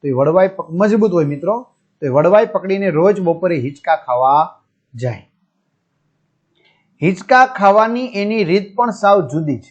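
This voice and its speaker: A man's voice: high-pitched, animated, normal speed, long pauses. A man teaching young pupils, reading a story aloud, restating each line in simpler words and checking in with his listeners. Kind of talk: reading and explaining a school lesson. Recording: dull lo-fi sound.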